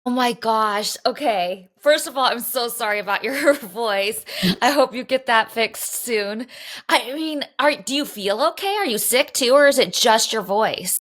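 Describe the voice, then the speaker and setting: This podcast co-host, speaking from a Los Angeles–area home, has a fairly bright, high-ish voice and a slightly slow delivery. Her storytelling is loose and talkative, wandering as she drops "like" again and again.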